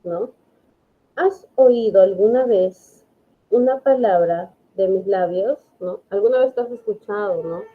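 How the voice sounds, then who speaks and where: A woman's voice: medium pitch, measured pace. A woman English teacher, explaining grammar patiently in an online class and checking understanding often. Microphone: video call. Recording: phone-like online call audio.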